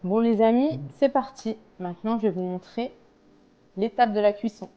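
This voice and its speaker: A home cook talks casually through a recipe step by step, explaining things in a hesitant way. Her voice is fairly high and she speaks at a normal speed. The recording sounds muffled.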